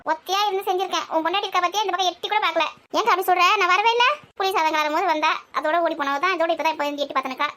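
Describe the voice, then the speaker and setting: Playing a village housewife, a woman with a very high-pitched, slightly bright voice nags and scolds her family in everyday banter, trading quick lines back and forth.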